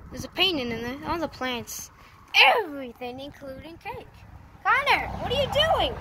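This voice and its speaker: Woman vlogger with a high voice, casual walk-and-talk, keeps exclaiming in disbelief; phone mic with clear outdoor noise. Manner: astonished exclamations, repeats herself. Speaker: vlogger exploring abandoned buildings. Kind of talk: casual walkthrough narration. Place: outdoors by a roadside and inside an empty shop. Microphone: phone camera held while walking.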